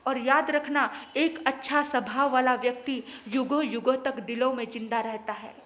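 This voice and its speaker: A woman preacher delivers a sermon and tells a story. Her voice sits very high, and she is emphatic, repeating key phrases for weight. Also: fairly even intonation, normal speed, fairly bright tone. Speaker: religious preacher.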